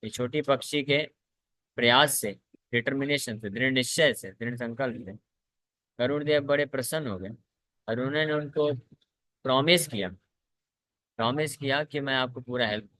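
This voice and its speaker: A man giving a scripture lecture, reading English passages very slowly and then explaining them in Hindi, repeating key phrases as he goes. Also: mid-range voice, pushed and bright, no room sound, rough recording. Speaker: spiritual teacher.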